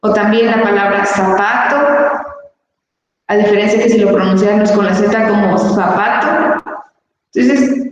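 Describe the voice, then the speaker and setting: A woman's voice: medium pitch, fairly even intonation, brisk, few pauses. A woman teacher with a Guatemalan Spanish accent, explaining a lesson patiently and rephrasing each point. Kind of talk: recorded class lesson. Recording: echoey long reverb, far from mic.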